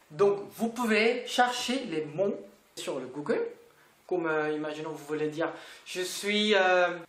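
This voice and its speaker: Slow, patient language teacher in an echoey room. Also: medium pitch, fairly bright tone. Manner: patient, repeats words and asks questions back to the learner. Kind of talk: online language lesson.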